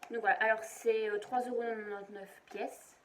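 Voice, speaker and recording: A woman's voice: on the high side, fairly even intonation, moderate pace, slight background noise. A woman showing her shopping finds in a casual, rambling home video, full of hesitations. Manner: chatty, rambling, many hesitations. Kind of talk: casual product show-and-tell. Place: at home, indoors.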